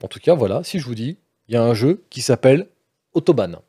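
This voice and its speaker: A man's voice: mid-range voice, animated, fast, dark tone, breathy edge. A man hosting a studio panel show as quiz master. He calls out to the control room and reads text aloud with mock gravity.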